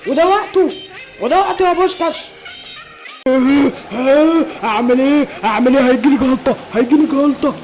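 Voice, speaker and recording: A woman's voice: high-pitched, normal speed, darkish tone, natural voice, low-quality recording. A woman voicing a fretful schoolboy who skipped school, repeating himself in panic, with music behind. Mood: panicked.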